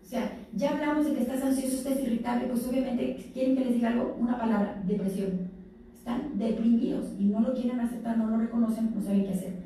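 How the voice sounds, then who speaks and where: A woman's voice: a little high, steady tone, fast, mellow. A woman with a Mexican accent giving an informal talk to teenagers, acting out the voices of the people she quotes. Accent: Mexican Spanish. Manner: conversational, acts out quoted abusers and victims. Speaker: speaker at a health fair talk for teens. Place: event room. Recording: very echoey room, distant mic, faint noise.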